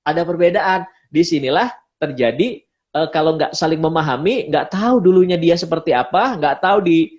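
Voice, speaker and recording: A man's voice: fairly high pitch, darkish tone, highs cut off. A man giving a casual pre-marriage seminar talk, explaining points and acting out quoted speech. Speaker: pre-marriage class speaker.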